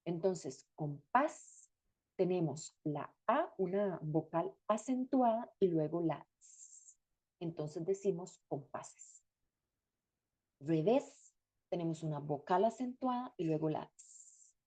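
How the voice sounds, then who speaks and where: A woman's voice: fairly low pitch, animated, takes it slowly, warm tone, husky. A woman teaching a grammar class, explaining step by step and repeating each example word. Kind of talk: recorded lecture.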